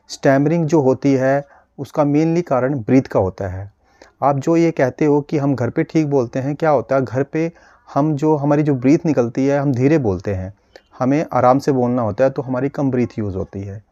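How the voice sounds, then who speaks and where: A man working as a speech therapist, giving a calm, patient lesson and slowly demonstrating sounds for viewers to copy. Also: medium pitch, no room sound, muffled recording. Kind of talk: instructional video lesson.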